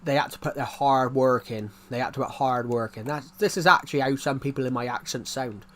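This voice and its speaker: Brisk and a bit bright, his medium-pitched voice comes through with a little hiss or hum. The speaker is a young British game streamer from outside London with a heavy regional accent. He chats loosely on his live stream, repeating himself and restarting plenty.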